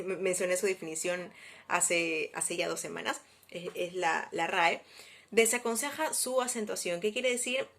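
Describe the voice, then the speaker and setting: A woman's voice: mid-range voice, fairly bright tone. A woman teacher giving a spoken grammar lesson, explaining patiently step by step and often checking in with her students.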